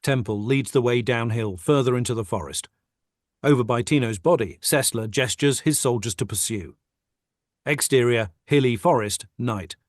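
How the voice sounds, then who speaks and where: Man calmly reading stage directions. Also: mid-range voice, moderate pace, no room sound, clean studio sound. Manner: steady, matter-of-fact reading of action. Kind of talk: script narration in a table read. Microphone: video call.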